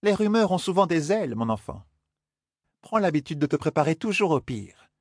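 A man voicing a stern older sorceress who lectures her young charges, in a husky voice for an audiobook. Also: on the high side, sing-song, normal speed, no room sound, studio quality, pitched above the performer's own voice. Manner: scolding, lecturing. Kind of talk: audiobook character voice.

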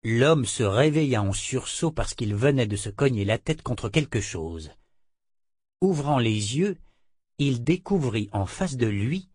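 A man reading a fantasy novel aloud as narrator, measured and steady. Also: mid-range voice, husky, no echo, studio quality. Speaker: audiobook narrator. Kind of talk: scripted narration.

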